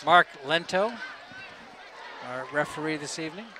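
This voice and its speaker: A man announcing play-by-play at a local high school football game, calling each play and rising to shouts on big runs. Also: normal speed. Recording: outdoor stadium with crowd and noise. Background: crowd and field noise.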